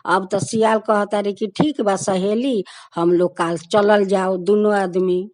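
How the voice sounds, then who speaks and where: A woman's voice: mid-range voice, fairly even intonation, measured pace, darkish tone. Woman telling a Bhojpuri devotional tale. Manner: sing-song storytelling, voices the characters' prayers. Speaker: storyteller. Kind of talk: devotional folk tale narration.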